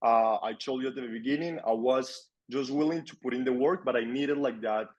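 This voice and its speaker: A man's voice: medium pitch, brisk, muffled recording. Young Colombian man chatting casually. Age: young adult. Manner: relaxed, repeats words for emphasis. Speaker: guest, agency owner. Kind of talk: casual interview chat.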